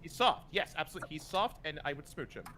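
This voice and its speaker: A man with a bright, forceful voice that swings up and down a lot as he jokes through a casual group chat. He is a game writer on a live stream, riffing and breaking into bits. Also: fairly high pitch, lively intonation, fast.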